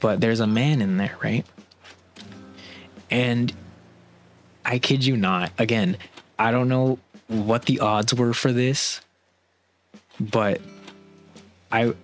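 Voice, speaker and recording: A man's voice: medium pitch, fairly even intonation, slow pace, long pauses, faint music behind. A young man casually recounting a work story, rambling with lots of "like" and restarts, sounding bewildered. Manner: rambling, heavy use of "like", restarts; exasperated, bewildered retelling.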